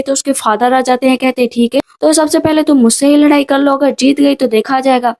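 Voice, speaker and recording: A woman narrating a casual recap of a drama, briskly retelling the story and relaying each character's lines in her own voice. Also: high voice, darkish tone.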